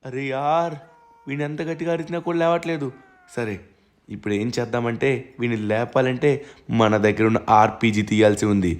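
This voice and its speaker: A man hosting gameplay role-play commentary, excitable and often shouting. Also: medium pitch, brisk. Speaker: gaming YouTuber, host.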